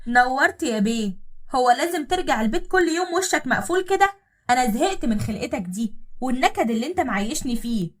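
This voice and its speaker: This is a woman voicing a jealous, spoiled young wife in an audio drama, loud, scornful and nagging. Her Egyptian Arabic comes out high, fast and husky-edged. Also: animated.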